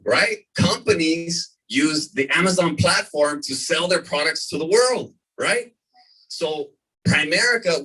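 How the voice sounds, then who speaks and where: An energetic man in his thirties, from the California desert, presents a business opportunity to a live audience. He keeps repeating figures and checking in with "right?". His voice is bright and slightly husky, picked up from across the room. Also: a little high. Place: meeting room before an audience. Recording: voice from far off in a room.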